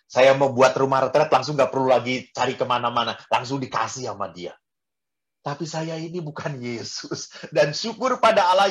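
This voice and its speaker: Expressive male priest preaching. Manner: expressive, wide swings in pitch and loudness; drops in English phrases. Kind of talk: sermon to a prayer group.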